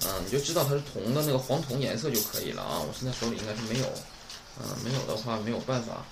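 A man's voice: mid-range voice, very animated, very fast, vocal fry, background noise. A man, teaching an online class. He is chatty and keeps asking the class "right?". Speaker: Japanese teacher.

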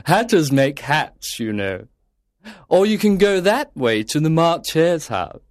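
A grinning, riddling cat from a storybook who talks in a sly, teasing voice, as a man puts him on. It sits somewhat above the reader's normal pitch and moves slowly with a lively lilt. The recording is dry and close. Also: no room sound. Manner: teasing and knowing.

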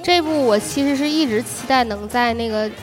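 A woman chats easily on a podcast about recent films, agreeing often and sharing her own picks. Her voice sits a bit high, and faint music runs under the talk. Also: fairly quick. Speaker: podcast co-host. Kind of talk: casual chat reviewing films.

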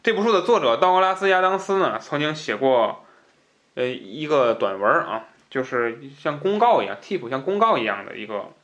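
A man hosts a book podcast, chatting colloquially in a casual talk-show style and chuckling at his own asides. His voice is fairly high, sing-song, and a bit bright, and he speaks briskly. The sound is lo-fi.

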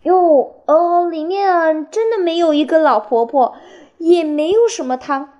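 A woman's voice: high-pitched, big pitch swings, normal speed, warm tone, dull audio, pitched above the performer's own voice. A woman voicing a timid little boy hedgehog who stammers, reading a storybook aloud. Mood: nervous.

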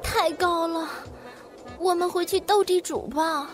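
A man voicing a hysterical young man who screams and sobs in a shrill falsetto in an audiobook. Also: steady tone, unhurried, faint music behind. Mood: scared.

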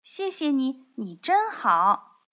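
A woman's voice: fairly high pitch, lively intonation, a little slow, fairly bright tone. A woman voicing a cheerful, friendly little country mouse that sounds eager and welcoming. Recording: dull lo-fi recording.

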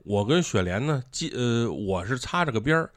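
A man's voice: mid-range voice, lively intonation, normal speed, no echo, clean studio sound. A man with a Beijing accent hosting a casual, joking conversation. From Beijing, China. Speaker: talk show host.

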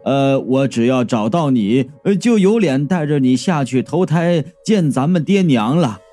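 A man doing a slow, earnest ghost brother. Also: medium pitch, expressive, dark tone, faint music behind, voice pushed down, lightly acted. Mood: earnest, pleading. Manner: slow, earnest, hesitant with many "uh"s. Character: ghost of a grown man, a devoted older brother.

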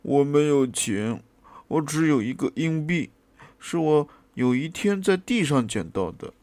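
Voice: mid-range voice, expressive, moderate pace, dry recording, voice pushed up, lightly acted. A reader voicing a small, curious boy in a storybook, asking earnest, wondering questions over backing music. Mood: questioning. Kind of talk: storybook reading. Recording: music playing behind the reading.

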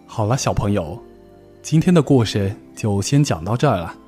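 A man reading a children's picture book aloud, slowly and clearly, as a storyteller for young listeners. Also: lowish voice, expressive. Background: faint background music.

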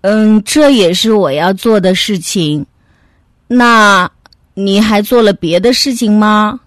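A woman voicing a big, kindly male bear in a children's story, speaking deep and earnestly. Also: takes it slowly, dry recording, clean studio sound, close to an everyday voice. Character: big kindly bear brother, easily upset.

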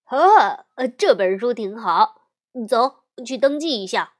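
一位女性在有声故事书里为一只爱捉弄人的小熊哥哥配音，语气调皮。. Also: female voice, fairly high pitch, expressive, takes it slowly. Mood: eager. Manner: mischievous, mock-spooky. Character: teasing young boy bear cub.

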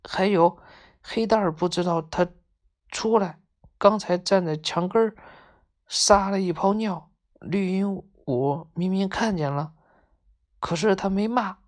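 A woman's voice: medium pitch, a little slow, long pauses, a little mellow, voice pushed up, close to an everyday voice. A woman voicing a chatty young male animal friend who coaxes in a conspiratorial way. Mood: coaxing. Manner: coaxing, conspiratorial.

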